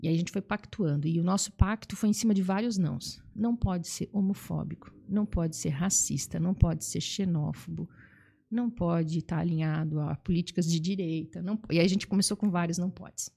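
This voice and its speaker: Mellow-voiced woman storyteller. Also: on the low side, brisk, vocal fry, breathy edge. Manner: animated, acts out quoted voices, frequent "assim, ó" fillers. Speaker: psychologist and teacher. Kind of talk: conversational interview storytelling.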